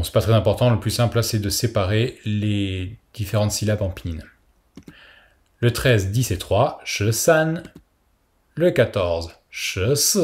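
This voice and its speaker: A man's voice: on the low side, darkish tone. A man teaching a recorded language lesson, explaining patiently and modeling pronunciations for the listener to repeat.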